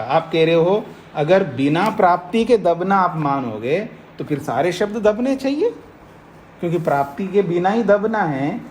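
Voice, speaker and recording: Slightly high and recorded with a bit of background noise, this man's voice belongs to a swami teaching Nyaya philosophy. His Hindi scripture lecture proceeds slowly, one step at a time, and he keeps checking that the class is keeping up.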